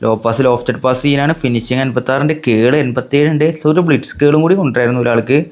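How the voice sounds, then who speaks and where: Young man, Malayali accent, excited pack-opening commentary, mid-pitched voice, soft background music. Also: fast. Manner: exclaims loudly, mixing English into Malayalam. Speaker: gaming channel host.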